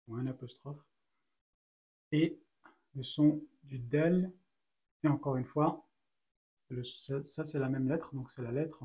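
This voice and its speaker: A man teaching a beginner language lesson, taking it very slowly and patiently. His voice is warm and mellow, and he breaks each word down sound by sound with plenty of fillers along the way. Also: mid-range voice. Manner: patient, explains letter by letter with many fillers. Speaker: Arabic teacher. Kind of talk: slow step-by-step lesson.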